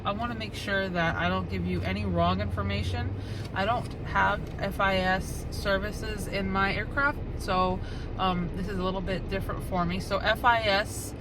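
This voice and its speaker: Woman, Brooklyn New York accent, mid-range pitch, study guide read-aloud, informal instructional delivery, clearly noisy recording. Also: fairly even intonation, moderate pace. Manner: spells out acronyms, informal asides to listeners. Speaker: flight instruction presenter, pilot. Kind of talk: reading a study guide aloud with casual explanations.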